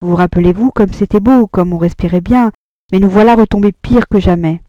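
A woman's voice: mid-range voice, brisk, warm tone, dry recording, muffled recording, close to an everyday voice. A woman voicing a despairing, good-hearted young man. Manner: pleading, agitated outbursts. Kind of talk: audiobook dialogue.

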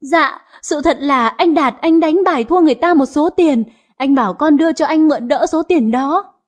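A woman's voice: sits high, expressive, normal speed. A woman voicing a scheming young daughter-in-law, who stammers and pleads. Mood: pleading.

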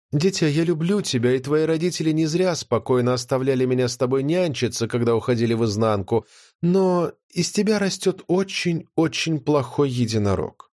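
A man voicing a calm, stern female cat illusionist nanny, speaking coldly and unhurriedly in an audiobook. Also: a little high, dry recording, studio quality, lightly acted. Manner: cold, measured, unhurried. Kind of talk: audiobook character voice.

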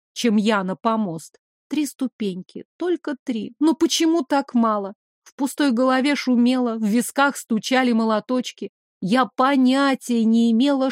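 A woman reading a fantasy novel aloud in a steady, expressive first-person narration. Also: fairly high pitch, no echo, studio quality. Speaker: audiobook narrator. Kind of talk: scripted narration.

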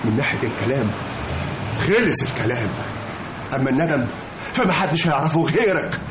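A man's voice: medium pitch, big pitch swings, brisk, close to an everyday voice. An actor playing a grieving older father of a murdered son, accusing and sarcastic, with an Egyptian accent. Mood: bitter accusing. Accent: Egyptian Arabic. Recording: echoey old radio drama with hiss.

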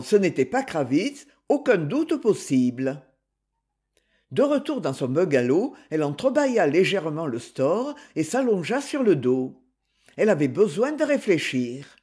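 A man reading a novel aloud as narrator, in an expressive literary manner. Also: a little high, a little slow, breathy edge. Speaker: audiobook narrator. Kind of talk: scripted narration.

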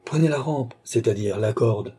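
A man's voice: medium pitch, moderate pace, mellow, breathy edge, close to an everyday voice. A man voicing a courtly, sly old male duke who teases with mock politeness. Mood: teasing. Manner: gallant, teasing, mock-polite.

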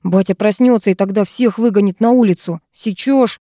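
A woman voicing a hulking, angry farmhand who speaks gruffly in an audiobook. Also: medium pitch, normal speed, dark tone, dry recording, clean studio sound, close to an everyday voice. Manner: gruff and irritated.

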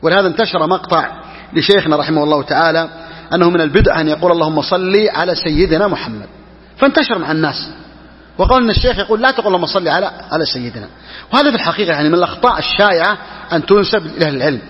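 A man teaching religious law as a sheikh, who talks quickly and repeats key phrases for emphasis. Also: high-pitched, in a large hall, muffled recording. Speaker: sheikh teaching Hanbali jurisprudence. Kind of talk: religious lesson explaining a text.

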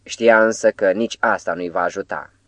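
Male audiobook narrator, very low voice, dry close recording. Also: steady tone, no echo. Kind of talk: scripted narration.

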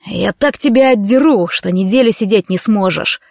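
A woman's voice: mid-range voice, normal speed, vocal fry, a little mellow, no room sound, studio quality, close to an everyday voice. A woman voicing a brutal, jealous young male football player who growls and sneers. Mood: menacing.

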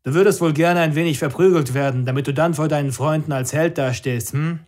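A man's voice: a little high, fairly quick, a little mellow, close to an everyday voice. A man voicing a cold, mocking police commander who barks curt orders.

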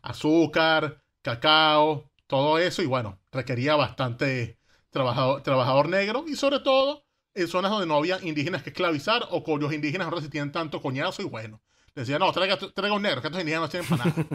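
He is expressive and fairly quick, with a voice on the high side and a touch of brightness. With a Venezuelan Caribbean Spanish accent, he relates history in casual slang, asking rhetorical questions and playing out quotes.

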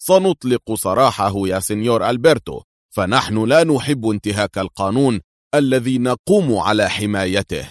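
A man's voice: fairly low pitch, lively intonation, moderate pace, no room sound, clean studio sound, close to an everyday voice. A man voicing a jovial, corrupt male police chief with a hearty, mock-serious way of talking.

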